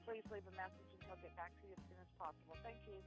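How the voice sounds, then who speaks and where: Brief: woman, fast-talking voicemail greeting played through a phone, polite and rehearsed. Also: mid-range voice, soft background music. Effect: voicemail greeting played over a phone speaker.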